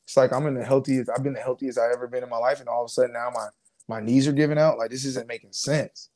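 Medium pitch, fast delivery: a former professional football player in his twenties narrates his story for a casual interview. He sounds relaxed and uses lots of slang, fillers and restarts.

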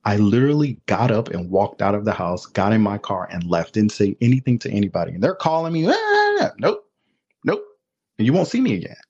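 A man telling his life story as a podcast guest, candid and animated, acting out other people's voices as he goes. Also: lowish voice, fast, hardly any pauses, husky. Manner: animated, acts out voices in quotes. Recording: dull lo-fi sound.

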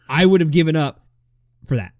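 A man co-hosting a casual movie review chat, relaxed and opinionated, often restarting his sentences. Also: on the high side, moderate pace, no room sound, studio quality.

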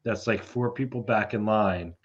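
A man's voice: lowish voice, normal speed, husky, highs cut off. A man in a casual comedic chat, ranting in disbelief and swearing freely. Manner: profane, incredulous ranting.

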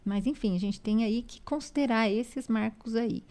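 A Brazilian woman speech therapist, a guest explaining child language milestones patiently, ending phrases with quick tag questions. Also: a little high, mellow. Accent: Brazilian Portuguese. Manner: explains patiently, constant "né?" tags. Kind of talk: explanatory interview talk.

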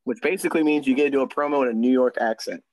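A young man co-hosting a podcast chats casually and easily, with frequent ums and laughs. He talks at a racing pace in a medium-pitched, darkish voice, and the audio is poor, with a dry, close sound.

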